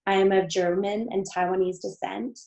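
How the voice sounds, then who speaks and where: A woman's voice: mid-range voice, steady tone, normal speed, creaky, darkish tone, highs cut off. A young woman hosting, giving an earnest, enthusiastic formal introduction of a guest speaker. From Canada.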